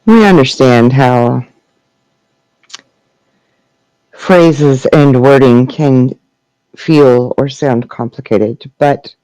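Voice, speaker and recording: A man channeling a slow, serene seance spirit guide. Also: medium pitch, mellow, clean tone, no room sound, lightly acted, rough recording. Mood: measured. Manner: seance medium trance delivery, halting phrases, formal plural 'we'. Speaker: trance channeler answering questions. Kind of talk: trance channeling question and answer session.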